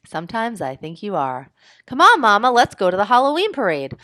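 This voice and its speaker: A woman voicing a bold, excited little girl in a witch costume, shouting and boasting playfully in a storybook read-aloud. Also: mid-range voice, a little fast, dry recording, studio quality, close to an everyday voice. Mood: pleading.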